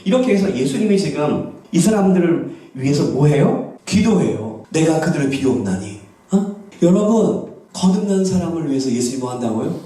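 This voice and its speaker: A male pastor preaching a sermon, switching between hushed asides and loud exclamations. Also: a little high, sing-song, moderate pace. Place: church sanctuary. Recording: echoey church hall from a distant mic.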